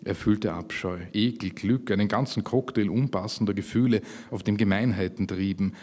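A man reading his own fiction aloud at a literary event, measured and slowing for emphasis. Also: on the low side, a little mellow. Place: public reading at a literary festival.

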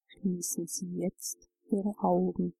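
Woman, guided meditation, very slow, mellow breathy voice, dry close sound. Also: on the low side, dry recording, poor audio. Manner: slow, calm, soothing instructions. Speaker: relaxation guide.

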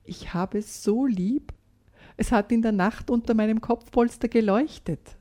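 A woman's voice: on the high side, measured pace, mellow, close to an everyday voice. A woman reading a story aloud and voicing a shy but stubborn little girl. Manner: firm, then wheedling.

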